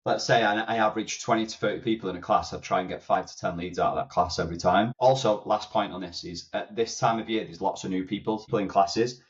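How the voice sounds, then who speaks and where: A very low-voiced man gives blunt, energetic advice to fitness coaches in a loose podcast chat. He swears casually and keeps it punchy. The sound is a bit dull and lo-fi. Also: fast, few pauses. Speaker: personal trainer mentor, co-host. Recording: slightly muffled lo-fi sound.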